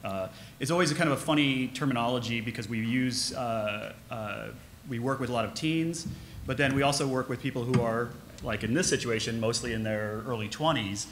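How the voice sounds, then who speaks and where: A man in his forties, an architect co-presenting on a panel, talking casually with many halting fillers. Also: mid-range voice, a bit bright, a little hiss or hum. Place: large conference hall. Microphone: podium microphone.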